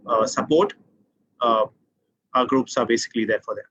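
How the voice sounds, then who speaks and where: A man's voice: mid-range voice, fairly even intonation, normal speed, a bit bright, dull audio, slight background noise. A man from India, a community outreach guest on a video call, speaking hesitantly with many uhs.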